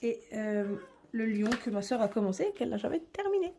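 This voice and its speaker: A woman's voice: on the high side, big pitch swings, a little fast, mellow, slight background noise. A young woman vlogger chatting casually and a bit hesitantly as she shows her coloring books, with many fillers.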